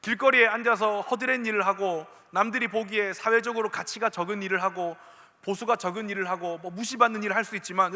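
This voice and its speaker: Lively Gyeongsang-accented male pastor preaching. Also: high voice. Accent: Gyeongsang dialect. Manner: animated, asks the listeners many questions. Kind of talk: sermon to a youth congregation. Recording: echoey church hall reverb.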